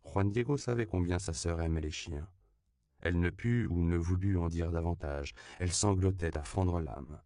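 Deep, dry male audiobook narrator, measured delivery. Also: dark tone, clear, resonant tone, no echo. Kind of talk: scripted narration.

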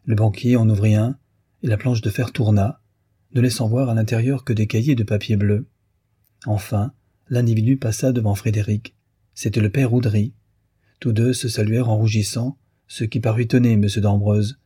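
A man reads a classic novel aloud in a measured, steady way. His voice sits low and is very dark and husky. The recording is dry and close, with no room sound. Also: no echo. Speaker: narrator. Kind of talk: audiobook reading of a classic novel.

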